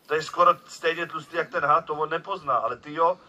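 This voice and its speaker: A man's voice: a little high, pushed and bright. A man at an outdoor falconry show, teasing and bossing a volunteer from the audience in a playful way. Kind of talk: joking audience participation. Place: outdoor field at a bird show. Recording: crowd noise behind.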